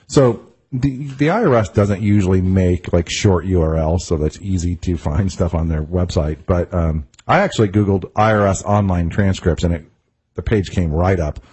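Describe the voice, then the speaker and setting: A man's voice: low-pitched, moderate pace, darkish tone, breathy edge. A middle-aged man, a tax attorney hosting a radio talk show, explaining things in a casual way with wry asides.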